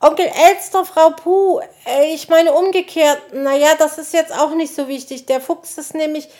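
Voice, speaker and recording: A woman's voice: sits high, moderate pace, voice pushed up, close to an everyday voice. A woman voicing an eager little boy hedgehog in a storybook who pleads and stammers. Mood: flustered. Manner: pleading, stammering when excited. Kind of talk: storybook reading.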